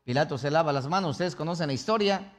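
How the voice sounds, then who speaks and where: A male pastor delivering an emphatic sermon in a noticeably high voice. He dramatizes the story, throws rhetorical questions at his congregation and answers them himself. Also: fast.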